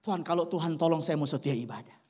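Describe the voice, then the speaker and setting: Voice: medium pitch, fast, close to an everyday voice. Preacher acting out a panicked man begging God. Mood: desperate pleading. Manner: pleading, shouting for help.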